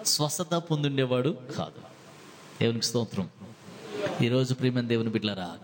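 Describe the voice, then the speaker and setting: Preaching pastor in a reverberant hall. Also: male voice. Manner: preaching with big swings in pitch and loudness; mixes in English phrases. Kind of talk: sermon.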